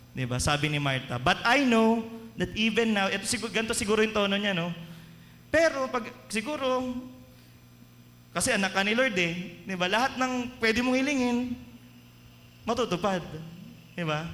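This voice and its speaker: A man with a Filipino accent delivers a sermon in a high, bright voice. He keeps asking the congregation questions. The sound rings out with long reverb through a church hall. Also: a little hiss or hum. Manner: mixes Tagalog and English, asks the congregation questions. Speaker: preacher.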